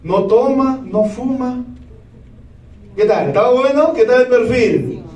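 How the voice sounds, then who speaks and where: A man in his thirties giving a lively motivational talk, keeps asking the audience yes or no. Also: very high voice, slow pace. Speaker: motivational speaker. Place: large hall with a live audience. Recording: echoey hall, speaker far from the mic.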